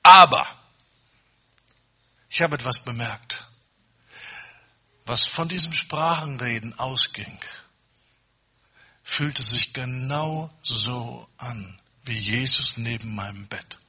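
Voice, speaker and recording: A man preaching a personal testimony, telling his story dramatically and acting out the dialogue, with sudden swings from loud to hushed. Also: medium pitch, takes it slowly, long pauses, husky. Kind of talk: testimony sermon.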